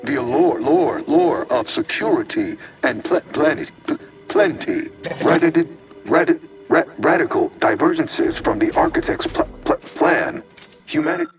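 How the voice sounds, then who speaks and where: A man's voice: fairly high pitch, huge pitch swings, unhurried, creaky, far from the mic, full character voice, low-quality recording. An actor playing a malfunctioning male AI computer, glitching and stuck repeating syllables and words in stiff, formal machine diction, with game music behind. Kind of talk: video game character dialogue.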